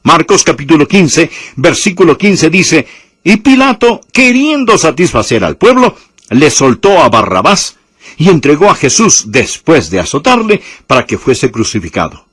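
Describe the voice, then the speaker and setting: A male pastor preaching with a slightly husky, breathy voice that swings widely in pitch, rising high on rhetorical questions. He sits a bit high for a man and sounds close and dry, like a studio voice-over with no room around it. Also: sing-song, normal speed, a bit bright, no echo. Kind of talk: sermon.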